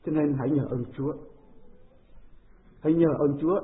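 A woman's voice: deep voice, normal speed. Woman preaching over a tinny line. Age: 40s. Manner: animated storytelling preaching with rhetorical questions to the congregation. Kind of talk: sermon. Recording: tinny phone-like recording.

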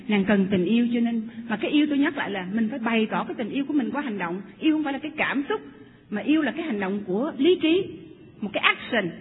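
Fast-talking woman preaching in an echoey hall. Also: high voice, breathy edge. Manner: animated, asks the listeners questions, mixes in English phrases. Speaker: marriage counselor and church speaker. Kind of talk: sermon. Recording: echoey hall over tinny line with faint hum.

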